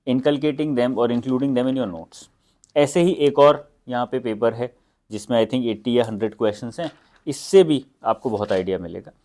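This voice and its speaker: A man's voice: medium pitch, darkish tone. A young Indian man teaching exam preparation in a casual, conversational way, mixing English phrases into Hindi with frequent fillers. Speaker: exam prep educator. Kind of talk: casual instructional talk.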